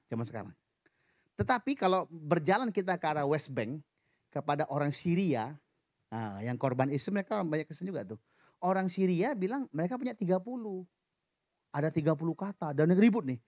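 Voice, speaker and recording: A man preaching a sermon in a church, lively and joking with the congregation. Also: fairly high pitch, no echo, studio quality. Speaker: pastor. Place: church hall.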